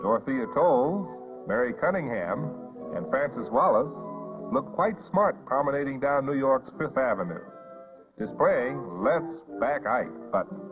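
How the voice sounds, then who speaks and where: 1950s newsreel narrator, tinny vintage sound. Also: male voice, mid-range voice, animated, unhurried. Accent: American. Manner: scripted, announcer-like delivery. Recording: muffled vintage newsreel audio, phone-like band. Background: loud background music.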